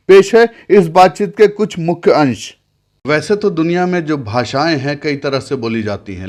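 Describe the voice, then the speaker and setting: A high-pitched man reads a news report in a formal tone, then interviews a guest. Whenever he goes off script, he tends to hesitate.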